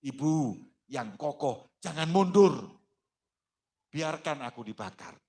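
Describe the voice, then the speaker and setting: A man's voice: lively intonation, slow pace, darkish tone. A man voicing a small child who cries out to his mother. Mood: urging. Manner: high, crying, calling out.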